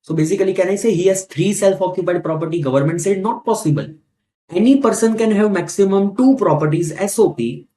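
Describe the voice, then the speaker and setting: This Indian-accented man is a tax teacher lecturing to a class. He keeps circling back to key points and asks rhetorical questions, teaching didactically in a high-pitched, mellow voice at a brisk clip.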